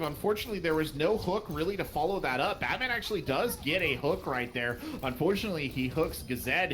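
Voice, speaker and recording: Male play-by-play caster, slightly high voice, quick hype calls during fights. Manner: rapid hype-building calls in big moments, joking asides. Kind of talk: live play-by-play commentary.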